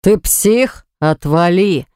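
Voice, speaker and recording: A woman voicing an indignant older brother who snaps back, loud and offended. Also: lowish voice, expressive, normal speed, no room sound, studio quality.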